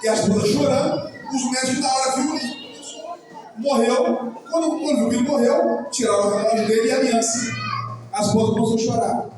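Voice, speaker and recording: High-voiced Brazilian pastor in an echoey hall. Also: male voice, brisk, over music. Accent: Brazilian Portuguese. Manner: chatty, repetitive, keeps addressing the congregation directly. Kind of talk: informal sermon. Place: church hall. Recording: echoey hall, distant mic, noisy.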